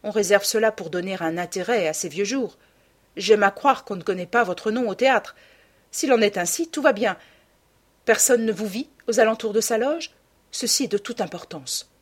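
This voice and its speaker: A woman voicing a worldly, persuasive aristocratic gentleman in an audiobook, with a husky voice. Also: mid-range voice, normal speed, voice pushed up, close to an everyday voice. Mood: urbane. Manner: suave, persuasive, lecturing. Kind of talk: audiobook character reading.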